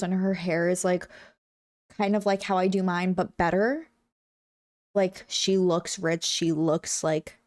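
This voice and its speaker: Her voice medium-pitched and somewhat dark, a young woman streams from home and chats casually with the live chat. She sounds a little congested and keeps filling her bubbly talk with "like" and "um".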